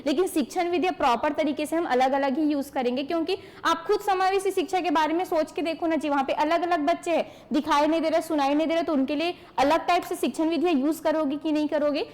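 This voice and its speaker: Woman, teacher, high voice, exam-prep lecture, asks and answers her own questions, online class. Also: fairly even intonation, fast, few pauses, a little mellow. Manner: explains by asking questions and answering them; addresses online students by name.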